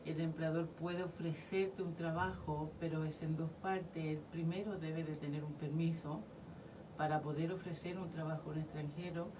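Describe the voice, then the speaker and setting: A woman from Chile with a Chilean accent, a community legal worker explaining rules as a radio interview guest in a measured way. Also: sits low, fairly even intonation, recorded from a distance, noisy background.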